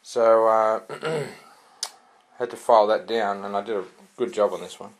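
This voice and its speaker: Man, somewhat low voice, casual review, hesitant, rambling. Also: a little slow. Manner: rambling and hesitant, many "uh" fillers and restarts. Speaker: sword reviewer.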